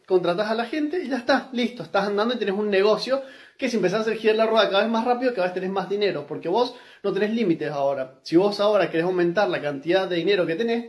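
A man with a Rioplatense accent talks quickly and insistently to a close-held phone, driving each point home bluntly. His voice sits high for a man, and the sound is close and plain, as recorded in a small room at home. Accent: Rioplatense Spanish. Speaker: business content creator. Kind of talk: direct-to-camera advice monologue. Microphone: phone camera held close.

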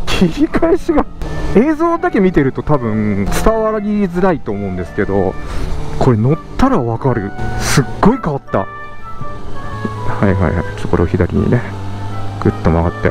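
This man is a motovlog host speaking from his helmet as he rides outdoors, at normal speed. Casual and excited, he laughs and swings between shouting out and muttering under his breath. Behind him are engine and road sounds and some background music.

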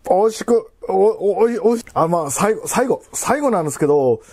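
A man in his thirties with a Kansai accent, chatting casually while eating, in a halting, rambling way with repeated phrases, labored from spicy food. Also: high-pitched, lively intonation, darkish tone, slight background noise. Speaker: food vlogger. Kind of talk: casual chat while eating and drinking to camera. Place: living room at home.

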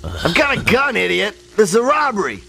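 A man's voice: high-pitched, huge pitch swings, brisk, vocal fry, pushed and bright, heavily acted. A man voicing a young male robber making blunt, threatening demands, heard through a drive-thru speaker in a cartoon. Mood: menacing. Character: young male robber holding up a fast-food counter.

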